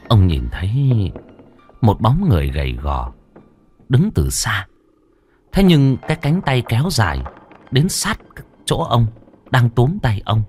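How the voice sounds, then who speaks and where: A man narrating a ghost story with a dramatic, swooping delivery. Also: fairly low pitch.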